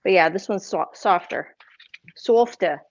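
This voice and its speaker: A craft livestream host with a Boston accent casually explains her craft prints in an unhurried, medium-pitched voice. She rambles with lots of fillers and self-corrections, and the audio has cut-off highs and slight background noise.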